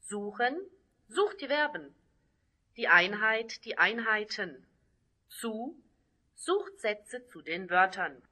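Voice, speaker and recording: Slow, bright woman reading vocabulary. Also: medium pitch, animated. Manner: reads single words and short example sentences with pauses. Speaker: German vocabulary reader.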